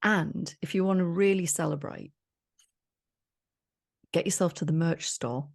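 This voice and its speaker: A woman's voice: on the low side, unhurried. A woman co-hosting a podcast, chatting in a jokey, enthusiastic way. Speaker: podcast co-host. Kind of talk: casual chat.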